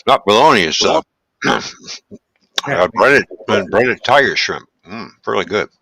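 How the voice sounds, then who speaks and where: A man hosting a casual live stream, chatting in a relaxed, rambling way and greeting viewers while he eats. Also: fairly low pitch, a little slow, vocal fry, dry recording. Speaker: livestream host.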